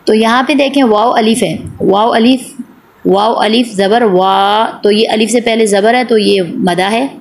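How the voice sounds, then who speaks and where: Gravelly-voiced woman teaching recitation. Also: fairly high pitch, moderate pace, few pauses. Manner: patient, repeats each point and asks then answers her own questions; draws out the long vowel sounds when demonstrating. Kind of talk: explanatory online class.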